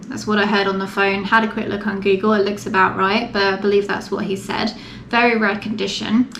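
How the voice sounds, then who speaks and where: Female vlogger, mid-pitched, informal and matter-of-fact explainer; roomy echo, slight background noise. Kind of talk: casual explanatory vlog to camera. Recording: echoey room with faint background noise.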